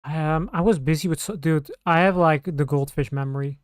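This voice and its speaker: A woman streamer chats casually with her viewers, rambling and often restarting mid-sentence. Her voice sits low and sounds smooth and clear. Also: moderate pace. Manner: rambling, scattered, with many restarts. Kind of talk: casual live-stream chat.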